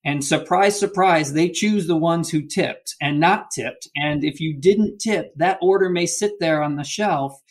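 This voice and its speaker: A man's voice: fairly high pitch, unhurried, hardly any pauses. A man speaking as a logistics executive guest in an interview, explaining steadily and often adding a questioning "right?". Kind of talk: business interview.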